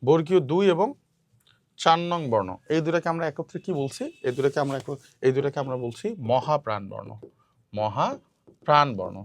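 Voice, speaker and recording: A man's voice: a little high, a little fast, darkish tone. A man teaching a grammar lesson for exam prep, repeating key points and quizzing students, dropping in English words. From Bangladesh.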